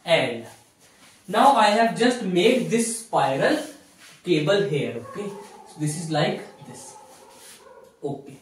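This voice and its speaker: A young physiotherapy teacher lectures at a whiteboard in a small, bare room, recorded by a camera mic a few steps off, so the sound is very echoey with a little hiss. His high voice is very animated but slow, with long pauses; he repeats key phrases for emphasis and keeps saying okay.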